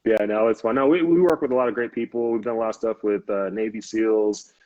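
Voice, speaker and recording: An American Navy officer in his thirties guests on a live interview, easygoing and quick to laugh, with lots of "um"s and restarts. His lowish, mellow voice moves at a quick pace. The dry audio is dull, lo-fi video call sound.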